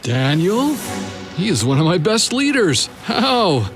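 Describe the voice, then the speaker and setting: A man's voice: sits high, sing-song, slow, soft background music, full character voice. An actor playing a vain but kindhearted ancient king, regal and hesitant, in a theatrical Bible drama. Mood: troubled, regretful.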